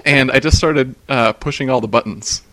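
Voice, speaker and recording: A man's voice: medium pitch, moderate pace, a bit bright, no room sound. A man in casual chat, recounting strange dreams and often breaking into laughter. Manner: laughs often while telling, many fillers.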